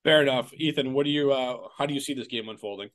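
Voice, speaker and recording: A man's voice: mid-range voice, a bit bright. A young man from Massachusetts co-hosting a sports betting podcast, chatty and joking at his own expense. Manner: quick, chatty, self-deprecating humor. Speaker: podcast co-host. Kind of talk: casual sports betting chat.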